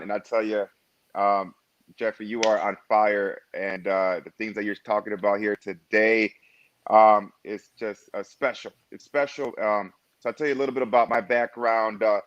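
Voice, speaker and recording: A man from the Dominican Republic telling his personal story as a guest on a video call, warm and halting with fillers. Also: lowish voice, steady tone. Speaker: guest speaker. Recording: dull dry video call audio.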